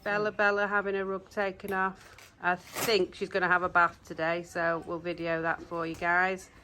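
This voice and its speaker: A middle-aged British woman with a croaky voice, chatting casually to viewers as a horse-owning vlogger. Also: fairly low pitch, little pitch movement, moderate pace, sharp tone. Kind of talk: casual vlog chat. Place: in a car, then a stable yard. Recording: handheld vlog with background noise.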